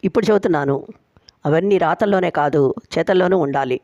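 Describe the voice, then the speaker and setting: A woman storyteller voicing a bossy, sharp-tongued young woman who sets firm terms for her marriage. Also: on the low side, brisk, dry recording, muffled recording, close to an everyday voice. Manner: firm, teasing, laying down conditions.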